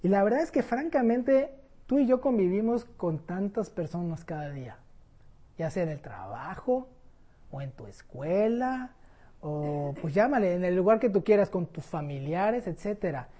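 A woman preaching a sermon in a conversational, animated storytelling way. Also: lowish voice, normal speed, slightly rough.

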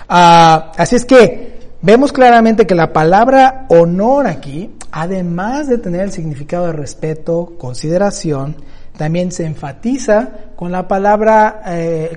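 A man's voice: high-pitched, darkish tone. A man preaching a Bible-teaching sermon, explaining word meanings and asking rhetorical questions to his listeners.

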